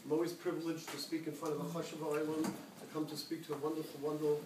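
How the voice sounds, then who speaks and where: A man's voice: a little high, little pitch movement, fast talker. Rambling man joking in an echoey hall. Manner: rambling, self-deprecating, repeats words often. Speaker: guest speaker at a kollel. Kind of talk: joking Purim-season speech. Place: indoor study hall. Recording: echoey room from far off, loud noise.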